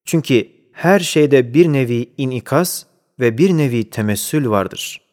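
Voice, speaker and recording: A man reading a scholarly religious commentary aloud, measured and deliberate, reciting Arabic phrases within the text. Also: mid-range voice, animated, darkish tone. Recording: long hall reverb.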